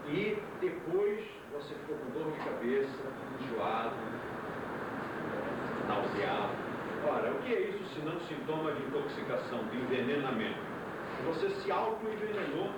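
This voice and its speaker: Brazilian man, yoga teacher, old VHS tape, emphatic, slightly high voice, far from the mic. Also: normal speed. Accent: Brazilian Portuguese. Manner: emphatic and animated, asks the class rhetorical questions. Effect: old VHS tape recording. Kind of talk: classroom lecture. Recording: echoey room from far off, loud tape hiss.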